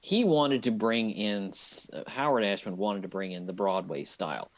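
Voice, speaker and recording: A man co-hosting a movie podcast, chatting casually and enthusiastically about an animated film, often restarting his sentences. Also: fairly low pitch, normal speed, low-quality recording. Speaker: podcast co-host.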